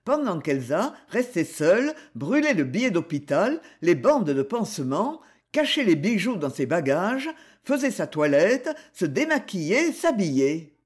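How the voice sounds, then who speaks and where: A woman narrating an audiobook in a measured, expressive reading style. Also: fairly low pitch, slightly rough.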